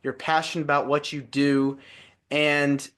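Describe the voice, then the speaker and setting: A man's voice: on the high side, level tone, a little slow, fairly bright tone. A man hosting an interview podcast, upbeat and positive as he asks questions. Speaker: podcast host.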